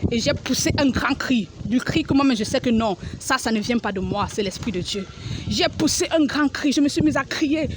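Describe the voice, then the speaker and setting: A woman's voice: on the high side, moderate pace, noisy background. A woman giving an emotional religious testimony, dramatic and repetitive, crying out as she relives the scenes. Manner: dramatic, repeats phrases, cries out and acts out scenes.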